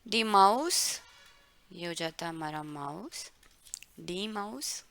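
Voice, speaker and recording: A woman teaching German vocabulary to learners, repeating words slowly syllable by syllable for pronunciation drills. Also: fairly low pitch, animated, gravelly, a bit bright, slight background noise. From India. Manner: drawn-out, careful word-by-word pronunciation drills. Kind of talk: explaining vocabulary to learners, mixing Hindi and English.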